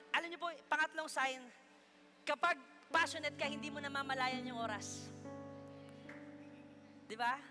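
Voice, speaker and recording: A Filipino pastor preaches in a high, ringing voice, joking with his congregation between points. Music plays clearly beneath his sermon in a church hall. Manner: lively preaching with playful asides to the congregation.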